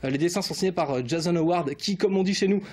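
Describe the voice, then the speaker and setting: A man's voice: sits high, fast, darkish tone. A man who works as a comics columnist on a show, reviewing a book in casual chat, hesitant, with many fillers and jokes.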